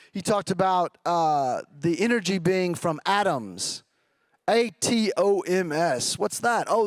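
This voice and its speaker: Casting note: man, high-pitched voice, loose conversational stage talk to a live crowd, close dry sound. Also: no echo. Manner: chatty, jokes with the crowd, asks the audience questions. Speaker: conference speaker. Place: large event venue with a live audience.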